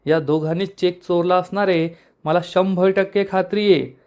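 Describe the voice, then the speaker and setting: A man voicing a suspicious son who calmly accuses others, in a TV serial recap. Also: high-pitched, normal speed. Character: suspicious son speaking to his mother.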